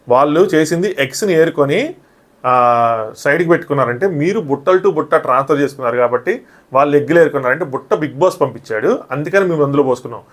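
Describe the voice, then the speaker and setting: A man reviewing a reality show episode in casual, argumentative talk, often acting out what others said. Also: on the high side. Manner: rapid, argumentative, often acts out quoted lines.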